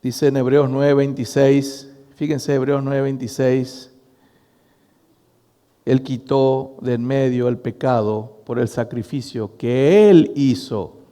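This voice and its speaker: A middle-aged pastor preaches to his congregation, speaking to them directly as he tells a story. His voice is mellow and sits at an ordinary pitch for a man. The sound rings with the long reverb of a church hall. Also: slow pace. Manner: storytelling, addressing the congregation as brothers, animated. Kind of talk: sermon.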